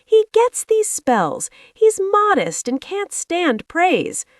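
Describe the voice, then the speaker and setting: Lady doing a worked-up storybook farmer guy, defensive, frantic, pitched way up. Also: huge pitch swings, takes it slowly, no echo, studio quality, full character voice. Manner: high, frantic exclaiming. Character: excitable, defensive farmer Mister Zuckerman, adult man. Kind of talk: storybook character reading.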